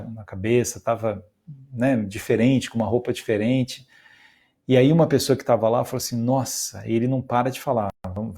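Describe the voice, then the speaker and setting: A man's voice: on the low side, mellow, slightly rough. A man with a Brazilian Portuguese accent, lecturing on philosophy by telling a personal story in a conversational way, often tagging his sentences with "né". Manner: conversational, frequent "né" tags.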